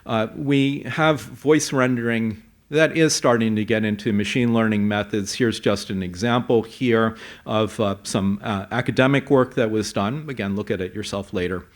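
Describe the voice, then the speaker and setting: Man giving a conference talk. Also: on the low side. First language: English. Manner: frequent fillers, measured explanatory delivery. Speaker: conference speaker. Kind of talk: conference presentation. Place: conference hall.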